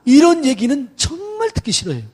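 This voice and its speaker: A middle-aged man, a senior pastor, gives a chatty, lively sermon to church staff and acts out greetings in quoted voices. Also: extremely high pitch, fairly quick. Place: church sanctuary.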